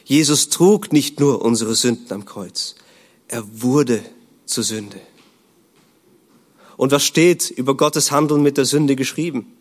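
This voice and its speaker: An earnest male preacher delivering a sermon at a mid pitch. He poses rhetorical questions to his listeners and sinks into a low, hushed voice on heavy lines. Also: slow, long pauses.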